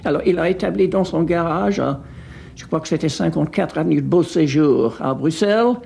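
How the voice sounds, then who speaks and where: Man, interviewee, hesitant recollection, gravelly and dark. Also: on the high side, a little fast. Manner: hesitant, many restarts. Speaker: interviewee recalling the past. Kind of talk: spontaneous recollection.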